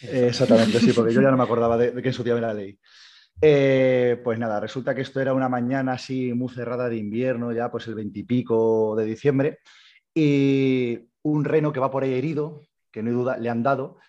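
A man's voice: mid-range voice, fairly even intonation, fairly quick, mellow. A man from Spain co-hosting a podcast, casually retelling an old tale and acting out the characters' lines. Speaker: podcast co-host. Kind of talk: casual storytelling. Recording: slightly dull lo-fi audio.

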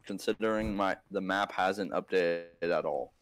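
A man chatting casually and jokingly while gaming, using softened swear words. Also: low voice, a little slow. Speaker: gaming podcast co-host.

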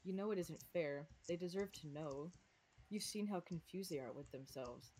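A woman with a slight lisp reading the lines of an angry young woman who accuses a friend of cowardice, in her own low voice. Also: moderate pace, dark tone, a little hiss or hum, close to an everyday voice, low-quality recording. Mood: accusing.

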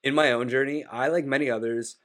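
A man's voice: mid-range voice, steady tone, brisk, a bit bright. A man in his thirties hosts a solo podcast, sounding nasal and stuffed up from a cold that has hung on. He talks in a loose, reflective way, dropping "like" and "uh" as he goes. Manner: casual, reflective, frequent fillers like "like" and "uh". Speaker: podcast host. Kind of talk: solo podcast monologue with sponsor reads.

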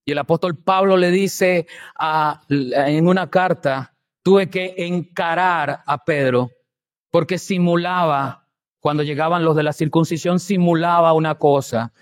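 A man preaching a sermon as pastor, emphatic and full of rhetorical questions, swinging between loud stresses and quiet, low asides. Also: fairly even intonation, unhurried.

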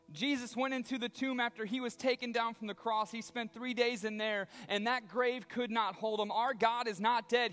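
A man preaching a sermon as a pastor, telling the story in a conversational, animated way. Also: very high-pitched. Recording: long reverb of a large hall.

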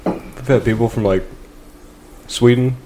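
A man's voice: mid-range voice, steady tone, measured pace, warm tone, a little hiss or hum, poor audio. A man co-hosting a podcast in casual chat, rambling and hesitant with a jokey streak. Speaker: podcast co-host.

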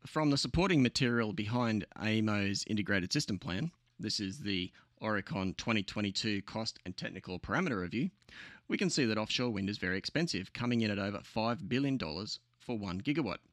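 A man's voice: on the low side, expressive, fairly quick, fairly bright tone, dry recording, studio quality. An Australian man narrating a scripted podcast as host, sardonic and opinionated.

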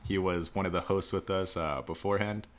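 A man's voice: deep voice, steady tone, a little fast. A man hosting a casual group podcast, talking in a garage with the door open. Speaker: podcast host. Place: in a garage with door cracked open by a main road. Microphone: USB desk mic with pop filter.

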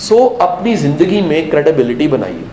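A man giving an animated motivational lecture to a live audience, full of rhetorical questions and bits of English and Punjabi. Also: a little high, normal speed, reverberant, a crowd in the background, low-quality recording. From Pakistan. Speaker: motivational speaker.

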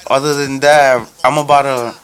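Man, Dominican accent, casual slangy chat, English mixed with Spanish, mid-pitched, faint music underneath. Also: steady tone, normal speed. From Dominican Republic. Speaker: guest DJ. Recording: music behind the voice.

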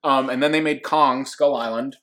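A man's voice: medium pitch, steady tone, moderate pace, sharp tone. Laughing, enthusiastic man chatting about movies. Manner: enthusiastic, laughs often, frequent fillers. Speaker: podcast co-host. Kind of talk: casual chat about upcoming movies.

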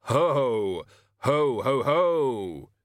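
A man's voice: mid-range voice, big pitch swings, extremely slow, no room sound, studio quality, voice pushed up. A man voicing a solemn, literal-minded spirit of death in a storybook reading, formal and ponderous in manner. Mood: deadpan, stiff.

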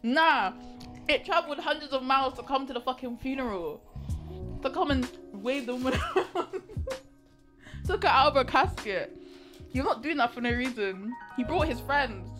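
Teen woman, podcast co-host, relaxed chatty delivery, laughs a lot, faint music under. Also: high voice, normal speed. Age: late teens. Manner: loose and chatty, laughs often, swears casually. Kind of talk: casual late-night podcast chat.

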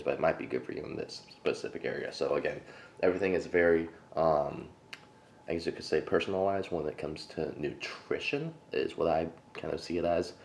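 A man's voice: sits low, darkish tone, slight background noise. A man co-hosting a casual fitness podcast, rambling with fillers, laughing and eating between thoughts. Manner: rambling, many fillers and restarts; talks while eating, laughs often. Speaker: podcast co-host.

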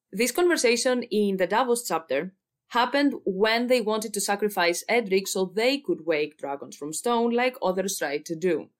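A woman hosting a fantasy lore commentary, moving between read-aloud book passages and her own casual, blunt remarks. Her voice sits at an ordinary middle pitch. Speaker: fantasy lore video host.

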